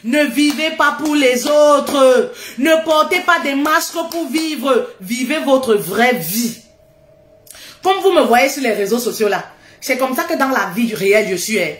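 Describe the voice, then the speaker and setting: A woman giving a casual motivational talk, loud and laughing often, repeating phrases for emphasis. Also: high voice, expressive, measured pace, echoey room.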